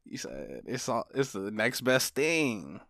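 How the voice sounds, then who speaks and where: A man's voice: mid-range voice, very animated, slow, gravelly, a bit bright, no echo, clean studio sound. A young man co-hosting a podcast, teasing and laughing often in casual chat. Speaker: podcast co-host.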